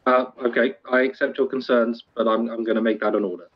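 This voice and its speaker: A man playing a police superior in a game roleplay, measured and firm yet apologetic. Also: mid-range voice, steady tone, muffled recording.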